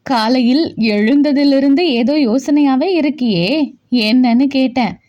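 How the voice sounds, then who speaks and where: A woman's voice: sits high, measured pace, a little mellow, dull audio. A woman voicing a loving, anxious middle-aged mother who speaks fondly and with worry to her son. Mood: fond, worried. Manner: fond, worried.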